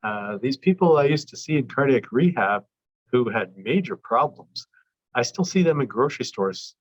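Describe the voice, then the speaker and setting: A man's voice: mid-range voice, expressive, moderate pace, highs cut off. A man working as a nurse practitioner, giving a casual, conversational health talk and acting out patient scenarios. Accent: Canadian.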